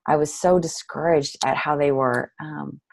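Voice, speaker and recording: Low, gravelly-voiced woman telling a story. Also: steady tone, normal speed, a little hiss or hum, low-quality recording. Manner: warm, earnest storyteller. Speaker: interview guest, nonprofit director. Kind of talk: storytelling in an interview.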